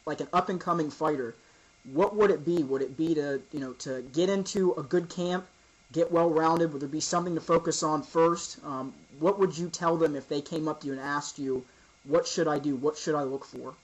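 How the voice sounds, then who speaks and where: A man hosting an informal interview, asking casual questions in a halting, roundabout way. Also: a little high, poor audio.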